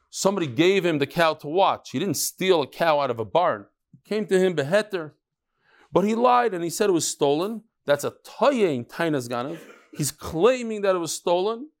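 A mature man, a rabbi teaching a Talmud class in an informal, conversational way, posing questions and answering them himself. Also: fairly high pitch. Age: middle-aged or older. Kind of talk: informal lecture with chatty asides.

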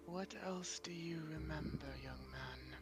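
A woman voicing a cold, patient vampire interrogator in whispered role-play, asking slow, probing questions. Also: medium pitch, gravelly, fairly bright tone, soft background music. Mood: menacing.

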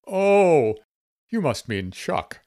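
A man's voice: mid-range voice, very animated, unhurried, no echo, studio quality. A man voicing a young, anxious funeral home receptionist who sounds sad and eager to please, in a storybook reading. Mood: nervous.

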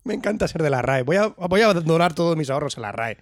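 Brief: man, podcast co-host, high voice, playful mocking interjections, dry studio sound. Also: animated, fast, no echo. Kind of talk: casual banter.

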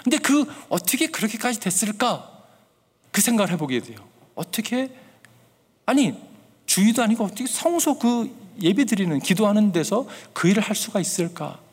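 A man's voice: sits high, big pitch swings, normal speed, slightly rough, in a large hall. A man preaching as a pastor. He speaks earnestly and keeps turning to the congregation with questions. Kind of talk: sermon.

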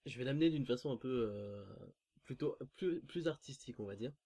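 A man's voice: mid-range voice, lively intonation, fairly quick, dark tone. A man interviewing a guest, asking long rambling questions and searching for his words.

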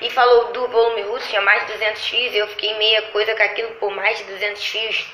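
A woman in casual chat, telling animated stories about her lash clients and acting out their lines. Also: medium pitch, quick pace, a little hiss or hum. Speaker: lash artist. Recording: echoey room.

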